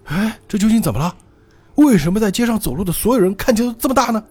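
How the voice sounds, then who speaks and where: A man hosting a podcast, retelling a story in a lively way and acting out each line. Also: high-pitched, fast, breathy edge, soft background music. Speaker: podcast host.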